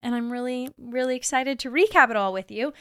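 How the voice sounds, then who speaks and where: A woman in her mid-twenties chats through her podcast in a bubbly, rambling way, full of "like" and small laughs. Her voice is smooth and clear and sits a little high. The sound is close and dry, with no room around it. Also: brisk, no echo. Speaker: podcast host. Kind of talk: casual solo podcast recap.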